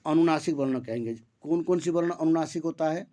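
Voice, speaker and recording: A male teacher giving an online grammar lesson, his voice sitting a little high yet soft and mellow in tone. He walks through each rule by posing questions and answering them himself. He recites the sutras slowly, syllable by syllable. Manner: explains step by step, asks and answers his own questions.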